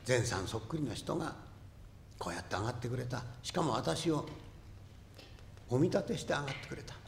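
A man putting on a soft, coy courtesan. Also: mid-range voice, big pitch swings, fairly quick, vocal fry, roomy sound, a little hiss or hum. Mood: coaxing. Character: grieving Edo courtesan, soft, coy, tearful woman. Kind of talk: rakugo storytelling. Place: stage before an audience.

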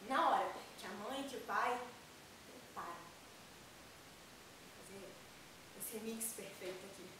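An actress with a Brazilian accent playing a defiant, sarcastic teenage daughter who needles her mother in a dramatic scene. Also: a little high. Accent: Brazilian Portuguese. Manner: mocking, needling, shifts into loud outbursts. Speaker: actor in a scene. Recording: echoey room, distant mic, audible hiss.

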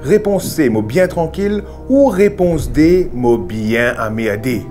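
A man in his thirties with a Mauritian accent, acting as a formal TV game show host who announces with drawn-out key words. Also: mid-range voice, animated, darkish tone. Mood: formal, upbeat. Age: 30s. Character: smooth, eager male TV game show host in a parody. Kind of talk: game show host presenting in a sketch comedy. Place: TV studio set. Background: game show music.

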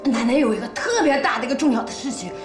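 A woman's voice: high-pitched, quick pace. A gushing, doting older grandmother. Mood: flustered. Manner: excitable, gushing, repeats words. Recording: roomy echo with faint music.

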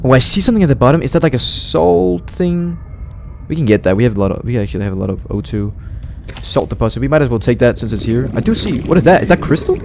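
A man doing casual gameplay commentary, thinking out loud in an excitable, repetitive way. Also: mid-range voice, quick pace, creaky, a little hiss or hum. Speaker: gamer, let's player.

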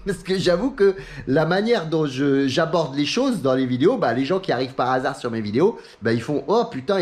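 A middle-aged man from France chatting casually as a sim racing YouTuber, telling stories, acting out what others said and laughing often. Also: fairly high pitch. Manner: chatty, animated storytelling, acts out quotes, laughs often. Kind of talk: casual talking-head chat.

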